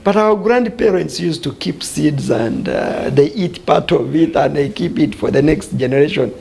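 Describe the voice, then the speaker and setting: A man's voice: a little high, moderate pace, creaky, darkish tone, low-quality recording. A man from western Uganda, a guest in a studio discussion who explains earnestly and asks himself questions that he then answers.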